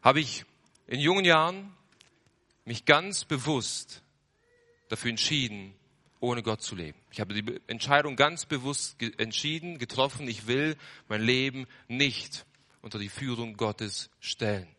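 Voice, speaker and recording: A young man preaches his testimony in an earnest sermon voice. His tone is bright and forceful, rising into loud surges and then sinking to hushed lows. He repeats phrases for emphasis. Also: unhurried.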